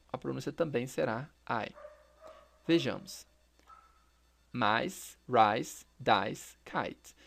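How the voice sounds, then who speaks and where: A man teaching a recorded English lesson. His voice has a gravelly, fry-laden edge, and he takes his time, speaking slowly and deliberately. He repeats each example phrase so learners can follow. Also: mid-range voice, fairly bright tone, a little hiss or hum.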